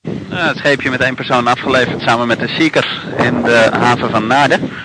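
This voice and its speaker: A man's voice: mid-range voice, moderate pace. Man calling over a crackly marine radio. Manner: clipped radio procedure, ends with "over". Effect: heard over a marine VHF radio. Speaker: rescue boat crew calling the coast guard. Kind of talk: radio call. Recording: radio transmission with loud static.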